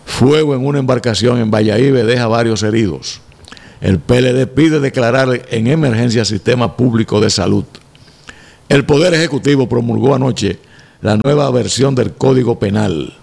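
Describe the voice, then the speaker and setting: A man's voice: medium pitch, vocal fry, a little mellow. A man with a Dominican accent co-hosting a talk show, reading headlines and arguing emphatically. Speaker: news talk co-host. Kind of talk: reading headlines and casual debate.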